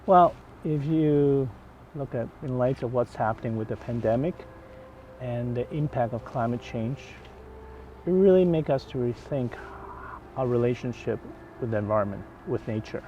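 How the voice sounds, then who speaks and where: An older man from Hong Kong, a financial advisor giving an interview in the woods, thoughtful and halting, often restarting his phrases. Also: mid-range voice, warm tone. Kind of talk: outdoor interview chat. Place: outdoors in the woods. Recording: dull lo-fi outdoor audio, faint noise.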